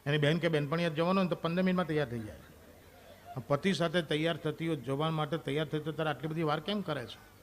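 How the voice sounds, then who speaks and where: A man does a stand-up comedy monologue on stage, with a fairly high voice. He talks straight to the crowd in a chatty manner. Faint noise hangs under his voice. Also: fairly even intonation, fast. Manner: chatty, addresses the audience directly.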